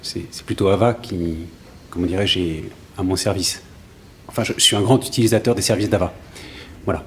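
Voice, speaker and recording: Lowish male voice, thirties, actor as earnest salesman witness, hesitant, courtroom audio drama. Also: brisk, a little hiss or hum, lightly acted. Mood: hesitant, polite. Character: grateful 35-year-old travelling salesman testifying in court.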